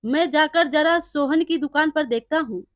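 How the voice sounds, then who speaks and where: Brief: good-hearted village blacksmith man, read by a woman narrator, high, dry voice. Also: normal speed, a bit bright, dry recording. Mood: distressed. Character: honest kindly male village blacksmith.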